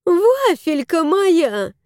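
Fussy storybook lady, cooing baby talk, swooping high, read by a woman. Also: very animated, very slow, a little mellow, dry recording, studio quality, exaggerated voice. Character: plump, fussy middle-aged lady cooing over a cat.

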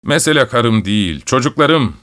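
A man's voice: medium pitch, animated, normal speed, fairly bright tone, close to an everyday voice. A man voicing an ashamed, desperate middle-aged man who pleads in anguish.

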